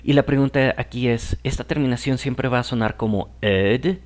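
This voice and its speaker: A man's voice: medium pitch, moderate pace, darkish tone. Man patiently teaching, checking in often. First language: Spanish. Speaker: English teacher. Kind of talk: explaining grammar lesson.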